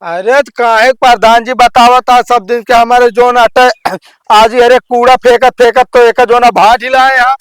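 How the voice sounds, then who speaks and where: Man playing quarrelsome village landowner, Awadhi accent, very high clear voice, dry sound, insistent, comedy skit. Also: steady tone, moderate pace, fairly bright tone, no echo, poor audio. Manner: argumentative, insistent. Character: stubborn, quarrelsome village landowner building a wall.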